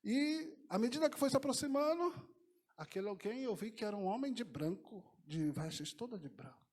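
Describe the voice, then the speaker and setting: A man preaches in a church. His delivery is impassioned, dropping to near whispers and then rising to shouted declarations. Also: high voice, lively intonation, normal speed. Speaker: pastor. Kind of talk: sermon. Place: church sanctuary.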